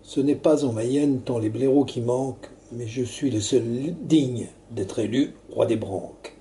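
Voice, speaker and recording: A man's voice: medium pitch, measured pace, warm tone, a little hiss or hum. A man declaiming a satirical verse monologue like a hammy stage actor, grandiloquent and pompous. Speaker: performer reciting a comic verse tirade.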